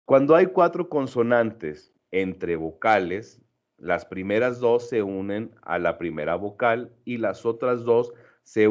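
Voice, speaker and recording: A middle-aged male teacher giving a recorded lesson, explaining patiently, checking in with his students and often correcting himself mid-sentence. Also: low-pitched. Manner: frequent fillers and self-corrections. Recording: dull lo-fi recording.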